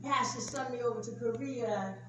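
Woman preaching in an echoey room. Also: normal speed. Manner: rises from low storytelling to loud emotional preaching. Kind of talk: sermon testimony. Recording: echoey room from far off, background noise.

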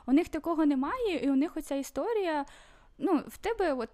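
A woman's voice: high-pitched, lively intonation, brisk, dark tone. A woman chatting casually as a guest, talking in a loose way full of fillers and restarts. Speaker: podcast guest living in Sweden. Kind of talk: casual chat.

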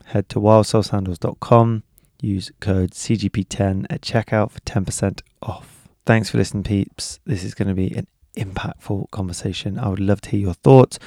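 A man's voice: on the low side, steady tone, normal speed, hardly any pauses, dark tone, no echo, studio quality. A man hosting a podcast in a casual, informal conversational style. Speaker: podcast host. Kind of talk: casual chat and informal announcements.

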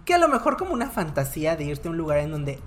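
A woman's voice: sits low, very animated, quick pace, a little hiss or hum. A Mexican woman hosting a casual podcast chat, playful and giggly as she leads the questions. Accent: Mexican Spanish. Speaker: podcast host.

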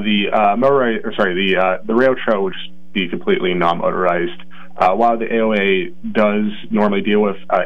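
A man who is a county planning coordinator, calling in by phone to a radio interview and explaining carefully with frequent rephrasing. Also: low-pitched. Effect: heard over a phone line. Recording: muffled lo-fi phone line.

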